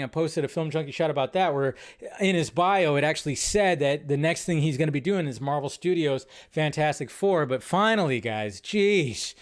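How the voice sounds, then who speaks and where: On a casual live program covering movie news, a man with a slightly high, clean-toned voice rambles animatedly through his commentary. Exasperated asides break in now and then.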